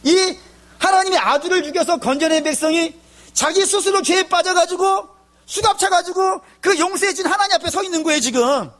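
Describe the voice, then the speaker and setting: A male pastor preaching a sermon, asking the congregation rhetorical questions and acting out tearful prayers, swinging between loud pleading and hushed low tones. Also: fairly quick. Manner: acts out tearful prayers in his own voice.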